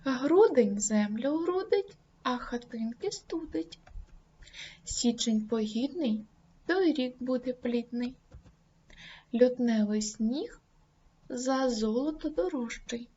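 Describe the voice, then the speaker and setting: Slow, careful woman teacher. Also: animated, warm tone, slightly rough. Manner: slow, deliberate over example words. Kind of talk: grammar lesson. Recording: dull low-fi recording, faint noise.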